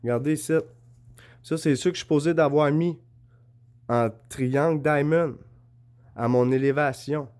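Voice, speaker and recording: A man's voice: a little high, fairly even intonation, moderate pace, pauses often, darkish tone, smooth. A man with a Québécois French accent, rambling in a casual monologue to camera, insistently asking if he is understood while showing his notes and drawings. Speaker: vlogger.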